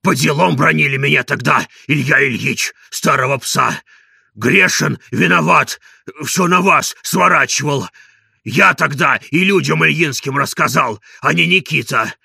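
A man voicing an old male servant who fawns and fusses, with a wheezing, hoarse voice, in an audiobook. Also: a little high, a little slow, sharp tone, no room sound, studio quality, full character voice. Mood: repentant. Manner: bowing and scraping, fussy.

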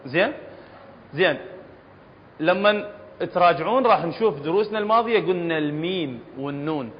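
A man with an Iraqi accent teaches a class, regularly asking his students whether they follow and going back over each point. His voice sits high. The reverberant hall and dull, lo-fi recording soften every word. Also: expressive, a little fast, a little hiss or hum. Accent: Iraqi Arabic. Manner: questioning students, repeating points patiently. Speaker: Quran recitation teacher.

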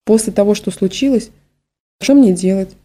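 A woman's voice: medium pitch, normal speed, mellow, close to an everyday voice. A woman voicing a stern, weary female school director who speaks firmly and with resignation. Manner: firm, resigned.

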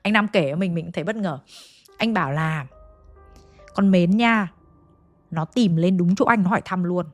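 A woman's voice: fairly low pitch, moderate pace, pauses often, no room sound, faint music behind. A woman with a Hanoi accent retelling a ghost story in a chatty, dramatic way, speaking straight to her listeners. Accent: Hanoi Vietnamese.

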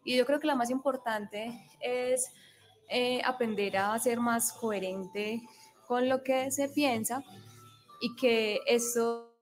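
A woman's voice: a little high, takes it slowly, soft background music. A woman in her thirties from Colombia giving a reflective video testimonial. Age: 30s.

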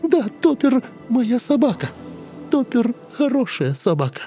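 A man voicing a grown woman regressed to a shrill, sobbing ten-year-old girl in a dramatic audiobook reading. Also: very animated, a little slow, dark tone, faint music behind, exaggerated voice. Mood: sobbing, hateful. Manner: high shrill childish wailing, pleading and vengeful.

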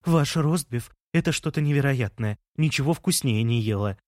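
A man voicing an excitable mother who exclaims and gushes. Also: medium pitch, normal speed, dry recording, clean studio sound, natural voice. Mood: chatty. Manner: exclaiming, gushing. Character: excitable mother, woman, food-loving.

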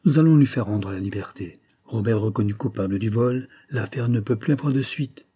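A man's voice: lowish voice, brisk, dark tone, slightly rough. A man reading aloud as a distraught middle-aged banker who speaks in an emotional, pleading way. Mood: resolute.

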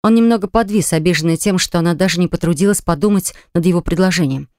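Female audiobook narrator, measured and even, dry studio sound. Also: lowish voice, no room sound. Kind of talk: scripted narration.

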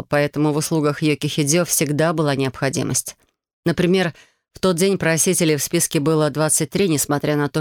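Audiobook narrator, fantasy novel, measured, mid pitch, dry close mic. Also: no room sound. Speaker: audiobook reader.

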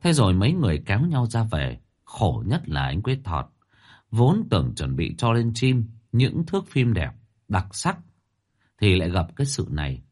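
A man's voice: on the low side, wildly swooping pitch, moderate pace, darkish tone, breathy edge. A man narrating a ghost story in a colloquial, wry storytelling manner.

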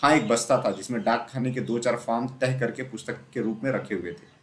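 A man narrating a classic children's story aloud in a steady storytelling manner. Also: mid-range voice, a little fast. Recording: roomy echo.

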